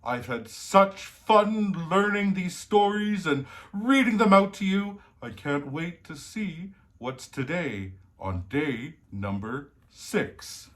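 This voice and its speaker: A man's voice: on the high side, expressive, a bit bright, pitched above the performer's own voice. A man playing a jolly old Santa Claus, telling children's stories in a hearty, theatrical manner. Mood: jolly, welcoming. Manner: slow, hearty, theatrical delivery. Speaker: storyteller host. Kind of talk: cheerful children's storybook reading.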